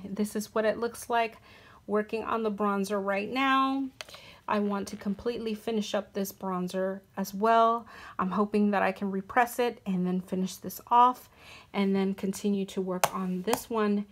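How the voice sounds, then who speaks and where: A woman's voice: medium pitch, steady tone, normal speed. A young adult woman talking casually to camera as a beauty vlogger, hesitant with frequent ums and self-corrections. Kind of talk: casual product talk to camera.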